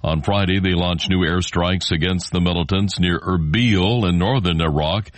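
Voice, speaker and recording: A low-pitched American man anchors a radio newscast. He reads from a script, and the sound is very dry, with no room on it. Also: normal speed, no echo. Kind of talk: scripted news reading.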